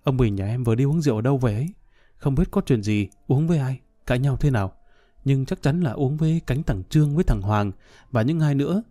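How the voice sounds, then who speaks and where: A man's voice: mid-range voice, animated, quick pace, dark tone, dry recording, studio quality, close to an everyday voice. A man voicing a frightened young wife who pleads anxiously in a storybook reading. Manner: worried, pleading.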